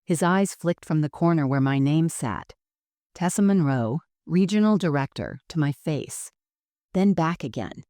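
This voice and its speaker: A woman tells a first-person story with calm, measured composure. Her voice sits on the low side and sounds dry and close, with no room around it. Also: dry recording.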